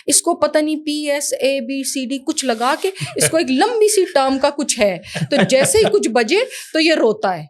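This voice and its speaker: A woman in her fifties from Pakistan, an education professional talking as a guest in an interview, animated and motherly, slipping English phrases into her speech. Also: sits high, hardly any pauses. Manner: animated, mixes in English phrases, calls the host "son". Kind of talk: casual interview conversation.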